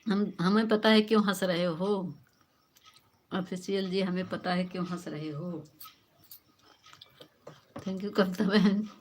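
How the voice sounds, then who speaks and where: Slow-talking Awadhi woman streaming live. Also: mid-range voice, fairly even intonation, a little hiss or hum. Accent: Awadhi-flavoured Hindi. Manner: chatty, addresses viewers by name, scolds and laughs. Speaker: livestream host. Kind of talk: casual livestream chat reading comments.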